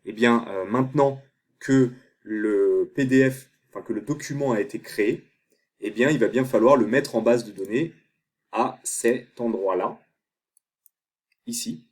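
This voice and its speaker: A man explaining a software tutorial step by step, thinking aloud as he clicks through screens. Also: medium pitch, unhurried. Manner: thinks aloud while clicking, many fillers. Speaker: online tutor.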